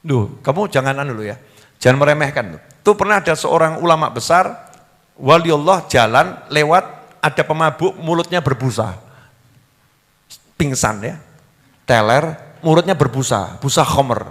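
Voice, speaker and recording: A man preaching a sermon, switching between loud exhortation and quiet storytelling, with humorous asides. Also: a little high, lively intonation, normal speed. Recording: long hall reverb.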